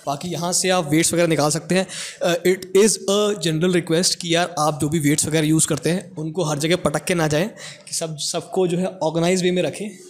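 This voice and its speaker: A man's voice: a little high, fairly even intonation, moderate pace. A young man giving a casual, joking walking tour of a college gym, speaking on a lapel mic. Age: young adult. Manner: chatty, joking, addresses viewers directly. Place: indoor college gym, medium-sized room. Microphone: clip-on lapel mic.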